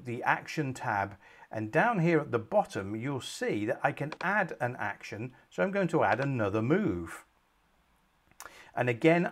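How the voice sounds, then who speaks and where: A calm middle-aged man guides viewers step by step through a software tutorial captured on screen, recording from a small home office. His pitch is medium and he says "um" frequently.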